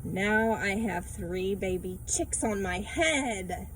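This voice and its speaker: A woman voicing an exasperated male cartoon elephant, complaining in a dramatic, drawn-out way while reading a children's picture book. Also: mid-range voice, animated, fairly bright tone, a little hiss or hum, low-quality recording.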